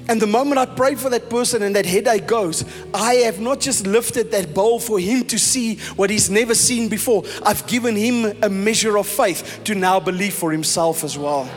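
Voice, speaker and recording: South African man preaching, high voice. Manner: emphatic preaching, mixing in Afrikaans phrases. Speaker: pastor. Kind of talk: sermon. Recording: reverberant hall with soft music.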